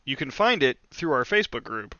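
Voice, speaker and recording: Podcast guy, bright sharp voice, dry muffled mic, swears a lot. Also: mid-range voice, big pitch swings, a little fast, no echo. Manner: dry, profane joking. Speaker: podcast co-host. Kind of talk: casual chat.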